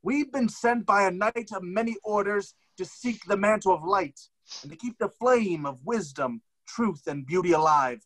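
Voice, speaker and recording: A man's voice: high-pitched, moderate pace, a bit bright, poor audio. A man playing an earnest questing hero who speaks in mock-formal tones that slip into plain talk.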